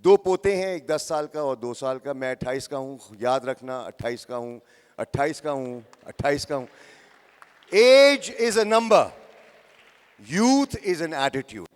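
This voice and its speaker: Man in his 60s, motivational speaker, slow delivery, long hall reverb, talks to the crowd, repeats for emphasis. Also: on the high side, expressive, clear, resonant tone. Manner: interactive, addresses the crowd and repeats phrases for emphasis. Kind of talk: motivational talk to young audience. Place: large hall with live audience. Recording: echoey hall.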